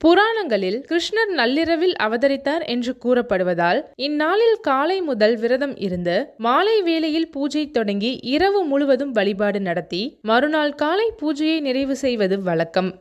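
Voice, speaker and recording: A woman narrates a scripted voice-over at a measured, announcing pace. Her voice sits a little high and moves up and down a lot as she reads. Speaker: narrator of a devotional video.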